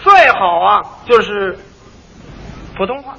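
High bright-voiced crosstalk comic. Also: male voice, slow pace, big-room sound, lo-fi sound, a little hiss or hum. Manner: lively, explanatory, fond of mimicking street talk. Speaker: lead comic in a crosstalk duo. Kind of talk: stage crosstalk comedy.

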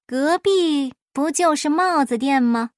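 A woman voicing a clever, mischievous folk hero who teases in a calm, sly way in a storybook reading. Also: sits high, takes it slowly, dry recording, studio quality. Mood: sly teasing.

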